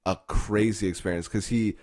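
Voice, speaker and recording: A man hosting a podcast in casual chat, joking and firing off quick questions. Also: lowish voice, fairly even intonation, darkish tone. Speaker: podcast host.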